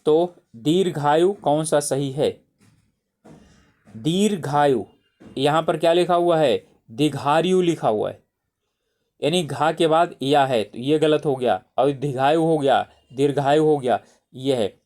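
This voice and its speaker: Man, exam tutor, slightly high voice, patient, repeats words often, close mic. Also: measured pace, a little mellow. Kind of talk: explaining exam spelling questions.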